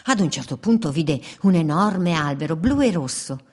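A woman reading a children's story aloud in a playful, expressive way, with repeated refrains. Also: low voice, moderate pace, slightly rough.

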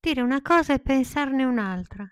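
A woman voicing a naive, eager wooden boy puppet in a high, childlike voice. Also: lively intonation, normal speed, smooth, dry recording, studio quality. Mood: bewildered.

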